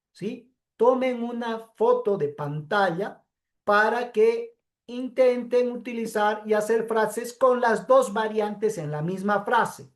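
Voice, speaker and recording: Slow-speaking woman teacher. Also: a little high. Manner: slow, explanatory, frequent checking "¿sí?". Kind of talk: pre-recorded class lecture.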